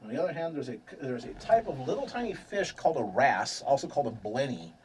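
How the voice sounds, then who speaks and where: A man's voice: medium pitch, big pitch swings, fast talker, a little mellow, a little hiss or hum. A man joking around as a player, full of puns, heard from a distance. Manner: jokey, punning. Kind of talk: casual chat.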